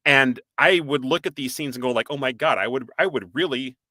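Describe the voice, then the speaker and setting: A man with a Boston accent co-hosting a live-stream podcast, chatty and animated, reading out viewer comments and quizzing his co-host. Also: medium pitch, a little fast, no echo. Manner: animated, reads out viewer comments, laughs often. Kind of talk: casual live-stream chat.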